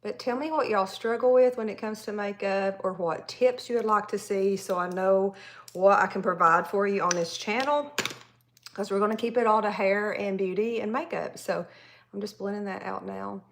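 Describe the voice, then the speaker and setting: A creaky, mid-range voice at a normal speed belongs to this Tennessee woman in her forties with a Southern accent. Doing her makeup on a livestream, she chats and rambles casually, addressing viewers directly.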